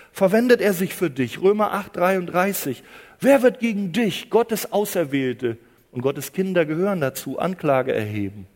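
A man preaching a sermon with a dramatic delivery, dropping to hushed low phrases and rising to loud emphatic cries, and repeating phrases for emphasis. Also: big-room sound.

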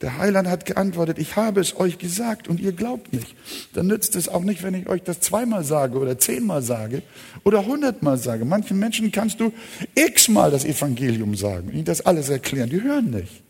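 A man preaching a sermon with a high, lively voice that leaps between loud urgent appeals and quiet low asides. He questions his listeners directly. His slightly husky voice rings with long reverb from a large hall. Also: a little fast.

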